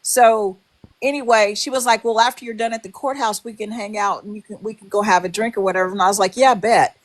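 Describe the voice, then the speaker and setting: A woman's voice: mid-range voice, steady tone, fast talker. A woman in her sixties in casual livestream chat, talking in a direct, advising way. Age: 60s.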